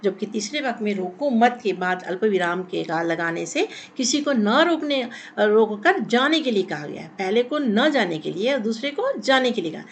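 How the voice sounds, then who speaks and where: A woman's voice: fairly high pitch, animated, normal speed, hardly any pauses, slight background noise. A woman teacher giving a recorded Hindi lesson, explaining step by step, repeating words and asking rhetorical questions. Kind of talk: classroom lesson on punctuation.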